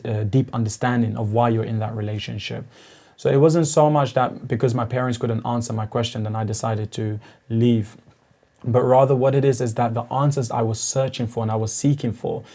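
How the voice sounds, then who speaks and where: This podcast guest is a young man from East Africa whose dark, gravelly, mid-range voice carries a reflective account of his spiritual path. Earnest and searching, he builds toward intensity as the story unfolds.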